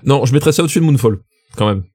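A man's voice: mid-range voice, expressive, racing, darkish tone, husky. A man co-hosting a casual film-ranking chat, thinking aloud, hesitant and mildly blunt. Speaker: podcast co-host.

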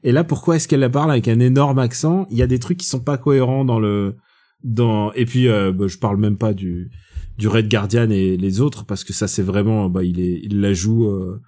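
A man co-hosting a casual film review chat, opinionated and gently teasing. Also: on the low side, steady tone, normal speed.

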